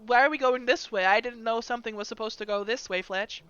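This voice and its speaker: A woman's voice: on the high side, fast, fairly bright tone, smooth, no echo, dull audio, pitched above the performer's own voice, natural voice. A woman voicing a nervous, hapless male tiefling stagehand in a tabletop game, hesitant and flustered. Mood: puzzled.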